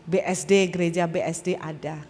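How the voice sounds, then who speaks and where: A woman guest preacher telling a personal testimony in a sermon, animated and humorous, with casual colloquial asides. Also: on the low side, normal speed, slight background noise. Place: church auditorium. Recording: long church hall reverb.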